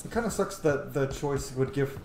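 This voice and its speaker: This gaming streamer, a man in his thirties, has an expressive, darkish mid-range voice and a moderate pace. He thinks aloud in casual let's-play commentary while playing at home indoors, recorded with a roomy sound and faint background noise.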